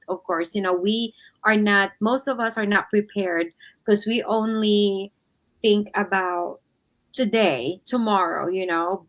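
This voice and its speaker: Chatty Filipino-born woman host. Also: mid-range voice. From Philippines. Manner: chatty, filler-heavy, easygoing. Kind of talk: casual webinar-style talk show.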